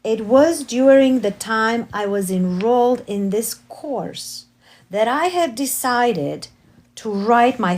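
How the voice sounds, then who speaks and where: A woman who is not a native English speaker and has a Romanian accent reads aloud from her own spiritual memoir. Her voice is mid-range and darkish, and she goes slowly and carefully, correcting herself now and then.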